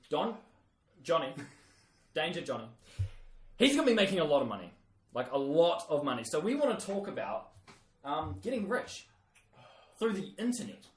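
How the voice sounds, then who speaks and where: A man's voice: a little high, recorded from a distance. A man with a New Zealand accent hosting a podcast, leading segments in loose, jokey, self-mocking banter. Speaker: podcast host. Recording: roomy, off-mic.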